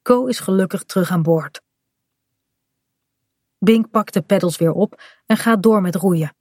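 A woman narrating a children's storybook in a clear, even storytelling manner. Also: medium pitch, a little slow, no room sound, clean studio sound.

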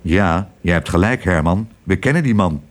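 A man voicing a curt, gruff male police officer. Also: low-pitched, lively intonation, moderate pace, voice pushed down.

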